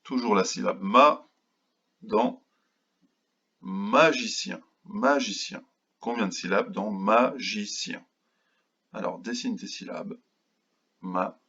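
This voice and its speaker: A male kindergarten teacher with a low, gravelly, husky voice leads a phonics lesson at a very unhurried pace. He sounds out words syllable by syllable. The recording is dull and lo-fi. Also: animated, a bit bright. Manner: slow, patient, syllable by syllable. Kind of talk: remote phonics lesson for young children.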